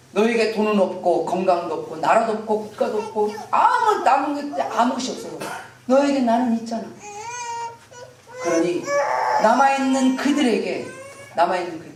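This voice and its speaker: Female pastor, impassioned sermon, animated pitch, echoey church from far off. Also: slight background noise. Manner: impassioned preaching, acting out biblical dialogue. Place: church sanctuary.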